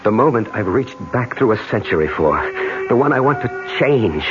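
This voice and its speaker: A tormented leading man played by an actor in an old radio melodrama. His delivery is intense and highly animated, swinging through his range. The sound is dull and lo-fi, with music behind him. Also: normal speed, natural voice. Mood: grim, resolved. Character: tormented man hurled into the past, obsessed and desperate. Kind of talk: old-time radio drama acting with first-person narration.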